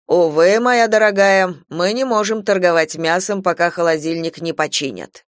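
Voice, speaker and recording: A man's voice: sits high, normal speed, no echo, clean studio sound, natural voice. A man voicing a jovial, affectionate male shopkeeper in an audiobook, with a chummy manner. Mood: friendly. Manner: chummy, calls her dear.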